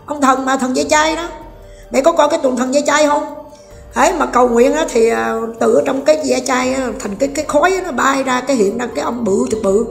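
A middle-aged woman ranting in heated, blunt commentary, scolding her listener with rough familiar talk. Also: high voice. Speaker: online commentator. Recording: echoey roomy recording with faint music.

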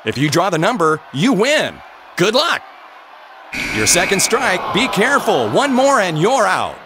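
An actor playing an upbeat game show host in a video game, with scripted lines. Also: male voice, high voice, huge pitch swings, a little slow, background noise, exaggerated voice. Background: game show music.

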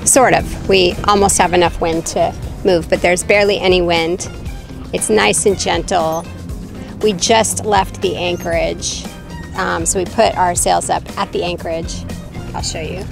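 A woman's voice: lowish voice, steady tone, measured pace, creaky. A woman hosting a sailing vlog, chatting upbeat and casual while out on a catamaran. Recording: with music underneath.

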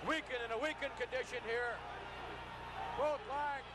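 A man's voice: very high voice, fairly even intonation, measured pace. A man calling live wrestling play-by-play in emphatic short phrases and formal wording, on a vintage television broadcast from an arena. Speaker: wrestling commentator. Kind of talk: live play-by-play sports commentary. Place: large indoor arena. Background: loud arena noise.

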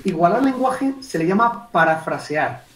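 A man gives a lively online communication workshop, acting out client dialogues and speaking to participants by name. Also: high-pitched, moderate pace. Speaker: communication trainer. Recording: echoey room, distant mic.

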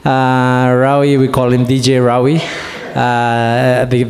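A man's voice: medium pitch, monotone, takes it slowly, darkish tone, a little hiss or hum. A man leading worship in a church, singing and chatting casually between songs, with a live band behind him. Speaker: worship leader. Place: church sanctuary stage. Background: live band with guitar.

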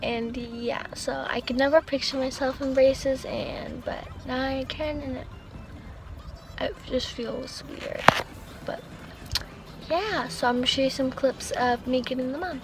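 High-voiced teen girl with new braces. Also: measured pace, noisy background. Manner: chatty, upbeat sign-off. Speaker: vlogger. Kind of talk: casual vlog chat. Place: parked car.

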